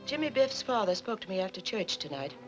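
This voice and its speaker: An actress playing a soft-spoken, hesitant middle-aged Southern aunt worried about her nephew, in a 1940s film. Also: mid-range voice, big pitch swings, fairly quick, lightly acted. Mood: concerned. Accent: American Southern. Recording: old film soundtrack with loud music.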